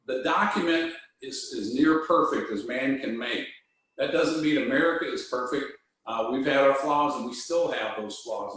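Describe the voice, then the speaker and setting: A man, a congressman, giving a measured, earnest civic speech with frequent fillers. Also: mid-range voice, heavy reverb, recorded from a distance, low-quality recording. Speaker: congressman speaking on a panel.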